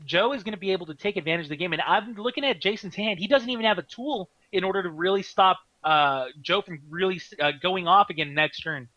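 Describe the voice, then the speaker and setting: A man doing live card game commentary, excitable, laughing often and restarting his sentences. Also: high-pitched, fast, few pauses, no room sound, lo-fi sound.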